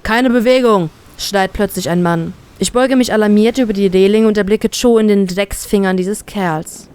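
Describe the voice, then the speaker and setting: A woman calmly reading a first-person fanfiction story aloud. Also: mid-range voice, normal speed, clear, resonant tone. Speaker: fanfiction reader.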